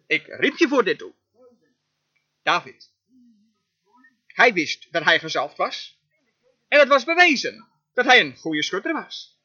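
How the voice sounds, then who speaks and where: Man, very high sharp voice, emphatic dubbed sermon interpreter, dull lo-fi audio. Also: very animated, a little slow, long pauses, slightly rough. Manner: emphatic preaching, frequent amens.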